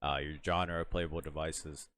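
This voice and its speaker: A young man with a very deep, low voice walks through a software tutorial in a loose, rambling way. He fills his talk with "uh" and "like", restarts his sentences and yawns now and then. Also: little pitch movement, measured pace. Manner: rambling, lots of fillers and restarts, yawning. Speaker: tutorial host. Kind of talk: casual screen-recorded software tutorial.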